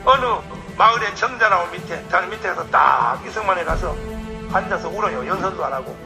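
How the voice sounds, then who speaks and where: A male pastor giving a fiery political sermon to a crowd, swinging from shouted outbursts to hushed asides. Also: sits high, lively intonation, fairly quick, creaky, over music.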